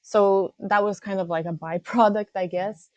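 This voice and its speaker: A woman's voice: medium pitch, steady tone, moderate pace, darkish tone, no room sound, lo-fi sound. A young woman from Serbia, a guest in a casual interview, speaking hesitantly with many fillers and restarts. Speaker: guest, games news editor.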